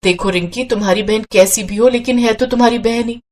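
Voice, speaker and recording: A kind young new bride who keeps the peace in a village cartoon story, as a woman voices her. She speaks calmly and gently, in a plain everyday voice. She is patient and soothing with everyone. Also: fairly high pitch, a little fast, natural voice. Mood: reproachful.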